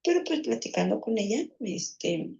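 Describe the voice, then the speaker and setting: A woman's voice: mid-range voice, very animated, normal speed, vocal fry, warm tone, dull audio. A woman with a Mexican accent recounting a childhood memory, rambling with many fillers and restarts. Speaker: guest in a therapy session. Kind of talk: personal storytelling.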